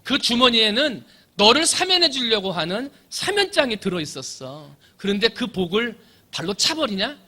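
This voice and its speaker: A preacher doing a rough prison guard who scolds loudly and with force. The voice sits a little higher than usual and sounds bright and pushing. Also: male voice, big pitch swings, moderate pace, exaggerated voice. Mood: scolding. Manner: scolding, berating.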